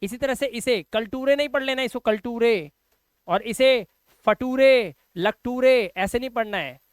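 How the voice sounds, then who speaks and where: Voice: medium pitch, moderate pace, clear, resonant tone, dry recording. An English pronunciation teacher giving an online video lesson, explaining rules step by step and asking and answering their own questions, and fondly addressing the learner as a child.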